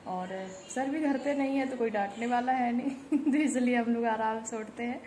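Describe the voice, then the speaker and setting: A woman's voice: fairly high pitch, moderate pace, mellow, low-quality recording. Chatty woman vlogger talking to camera at home over background noise, easygoing and rambling. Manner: chatty, rambling, with frequent "uh" fillers. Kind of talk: casual daily vlog talk to camera. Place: indoors at home.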